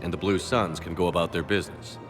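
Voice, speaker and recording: An actor playing a stern military space commander in a video game, firm, clipped and authoritative. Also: male voice, sits low, steady tone, fast talker, music in the background, close to an everyday voice. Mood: businesslike. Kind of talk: video game dialogue acting.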